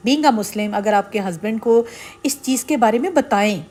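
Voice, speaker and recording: Earnest woman vlogger, slightly high voice. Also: darkish tone. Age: middle-aged. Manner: earnest, persuasive, addresses viewers directly. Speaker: vlogger giving marriage advice. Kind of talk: casual advice talk to camera.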